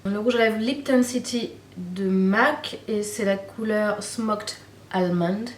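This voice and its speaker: Speaking slowly and steadily in a mid-range voice, this Normandy woman in her thirties vlogs casually about beauty, gushing, repeating herself and trailing off with plenty of fillers. The mic is distant, the room echoes, and there's slight hiss or hum.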